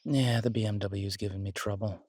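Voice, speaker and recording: A man with a low-leaning, slightly mellow voice plays an affectionate, easygoing werewolf boyfriend who tinkers with bikes in an intimate roleplay audio drama. His intonation stays fairly even and his halting, casual speech sounds close to an everyday voice, recorded dry.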